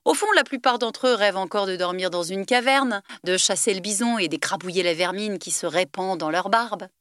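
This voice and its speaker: A woman's voice: mid-range voice, a little fast, a bit bright, no room sound, natural voice. A woman narrator voicing a restless teenage heroine with a dry, teasing way of talking. The audiobook sound is close and dry. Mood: wry.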